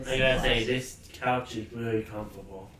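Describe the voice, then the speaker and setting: A young man on a camp work crew, chatting casually and talking haltingly with many fillers. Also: mid-range voice, fairly even intonation. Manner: halting, hesitant, full of fillers. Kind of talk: casual podcast chat. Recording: roomy, distant mic with faint noise.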